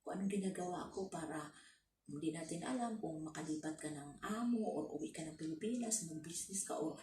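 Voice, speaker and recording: A woman's voice: low voice, a little fast, warm tone, slight background noise, natural voice. Woman quoting a kindly, coaxing lady boss. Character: kindly female employer giving cooking advice. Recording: roomy, from a distance.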